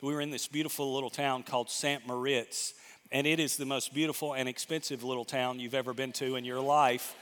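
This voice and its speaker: A man in his mid-fifties preaching in a relaxed, folksy way, tossing jokes at his own expense to the congregation. His mid-range voice carries a long reverb from the church hall around him. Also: mid-range voice, fairly quick. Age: 50s. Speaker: pastor. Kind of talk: conversational sermon. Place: church sanctuary.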